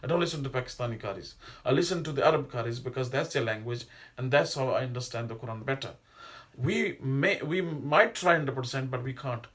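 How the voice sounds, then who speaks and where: In a mid-range, somewhat bright voice and at a fairly quick pace, a middle-aged Islamic teacher, not a native speaker of Arabic, leads an informal religious lesson. He digresses and rambles, frequently hesitating and starting over.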